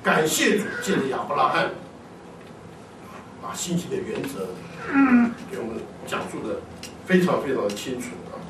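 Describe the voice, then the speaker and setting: A man's voice: on the high side, moderate pace, gravelly, pauses often, background noise. Man preaching a sermon in an echoey hall. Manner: animated, often asks the congregation questions and answers them himself. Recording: echoey hall, distant mic.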